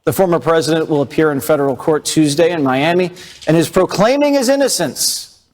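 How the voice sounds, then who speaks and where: A male news anchor reading a scripted report in a crisp, brisk delivery. His voice sits a little above the usual male range, and every line is tight and to the point. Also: a little high, lively intonation, a little mellow.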